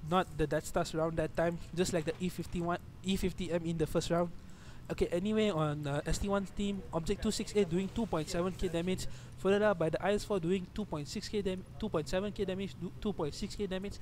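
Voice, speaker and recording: A young Malaysian man with a Malaysian accent commentating a live online tournament match, excitable and often correcting himself mid-phrase. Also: high-pitched, a little fast, hardly any pauses. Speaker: esports stream commentator. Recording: noisy background hum.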